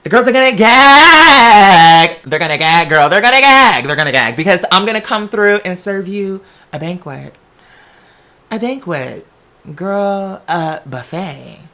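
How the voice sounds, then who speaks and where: In a casual, chatty vlog monologue, an American creator wanders from topic to topic with sassy, campy theatrics and plenty of drag slang. The medium-pitched voice is sharp in tone, swings widely in pitch, and keeps a measured pace.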